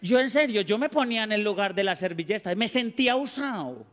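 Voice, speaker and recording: A Colombian man with a Paisa accent doing a stand-up comedy monologue on a TV stage, animated and mugging as he banters with the audience. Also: high-pitched, brisk, long reverb tail. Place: TV studio stage before a live audience.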